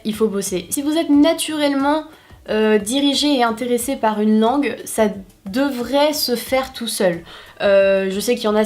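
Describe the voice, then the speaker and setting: A woman's voice: a little high, a little mellow. A young woman vlogger talking casually to her viewers, chatty, with many fillers and restarts. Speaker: YouTuber. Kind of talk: casual talk to camera.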